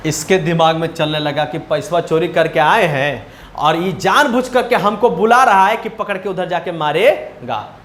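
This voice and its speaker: A man's voice: a little high, a little slow, fairly bright tone, echoey room. A man teaching a class, retelling a story in a chatty way and often asking whether the students follow. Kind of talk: storytelling lesson retelling a chapter.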